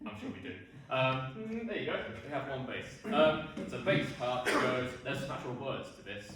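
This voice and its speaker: A man teaching barbershop song parts to an audience, unhurried, singing example notes between his explanations. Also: medium pitch, big pitch swings, a bit bright, slight background noise. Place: hall with an audience. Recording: echoey hall, distant mic.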